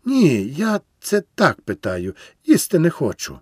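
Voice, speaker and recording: A grieving old peasant man from a storybook, voiced by a man reading aloud, resigned and tender. He speaks haltingly, with lively rises and falls in pitch. The sound is close and dry. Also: breathy edge, no echo, full character voice.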